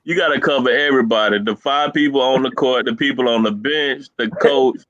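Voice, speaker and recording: A man's voice: mid-range voice, brisk, fairly bright tone, no room sound. A man co-hosting a casual basketball podcast, matter-of-fact as he checks team schedules. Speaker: podcast co-host. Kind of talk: casual sports chat. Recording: dry, muffled mic.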